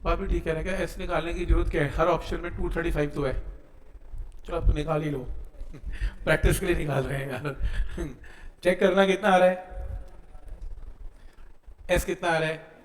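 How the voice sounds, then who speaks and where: Guy teaching physics problems, pretty high voice, echoey room, checks in a lot. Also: little pitch movement, a little fast, long pauses, slight background noise. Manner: explains step by step, checking in with students. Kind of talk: exam-prep physics lesson.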